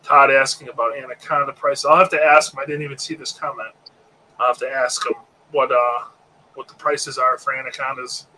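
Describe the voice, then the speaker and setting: A man's voice: medium pitch, little pitch movement, a little fast, pushed and bright, a little hiss or hum, poor audio. A man in his late thirties hosting a podcast live stream, chatting casually in a laid-back, rambling way with plenty of fillers. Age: 30s. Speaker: podcast host.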